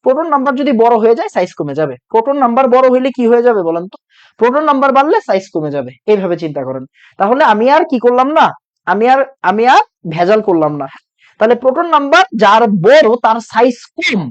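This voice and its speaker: A young man with a very high-pitched, very animated voice teaches chemistry online at a fast clip, captured in a muffled recording. Sore-throated from speaking loudly, he still repeats every point and quizzes his students.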